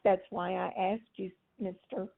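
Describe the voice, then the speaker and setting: Over a tinny phone line, a woman who is the target of a prank call sternly scolds and lectures the caller in a phone argument. Her medium-pitched voice keeps a steady tone at normal speed, with vocal fry.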